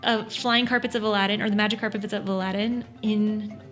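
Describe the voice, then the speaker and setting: A woman's voice: medium pitch, flat delivery, brisk, music in the background. Chatty woman podcast co-host. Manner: chatty, explains with many fillers and restarts. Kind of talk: casual chat.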